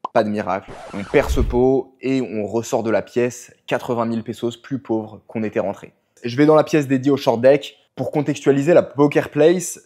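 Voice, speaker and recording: Man, mid-pitched, analytical vlog narrator with English poker jargon. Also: warm tone. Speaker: poker player narrating his session.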